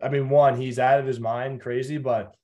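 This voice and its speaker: A man with a middle-pitched voice chats casually as a podcast host. He jumps in eagerly and stumbles over his first words. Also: flat delivery, moderate pace, dark tone. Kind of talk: casual chat.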